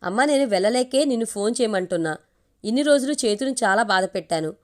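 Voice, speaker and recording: A woman's voice: fairly high pitch, animated, fast, close to an everyday voice. A woman voicing a lovesick young husband in a read-aloud story, speaking in a pleading, boyish way.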